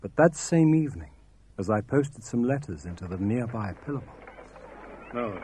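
Narrating and starring in a comic radio play, a man plays a pompous Victorian doctor with theatrical flair. His mid-range voice is mellow, slightly rough and expressive, at a normal speed.

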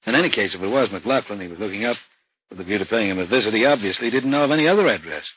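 An actor playing a polite, persistent investigator from London in a radio drama. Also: male voice, lowish voice, lively intonation, racing, fairly bright tone. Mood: reasoning. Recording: dull radio recording with faint hiss.

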